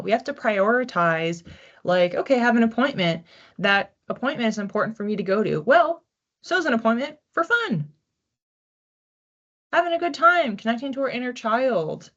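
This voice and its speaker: A woman with a mid-range voice, heard on a muffled recording, hosts a weekly collective psychic card reading. She speaks casually and conversationally to her audience, thinking aloud in informal phrasing.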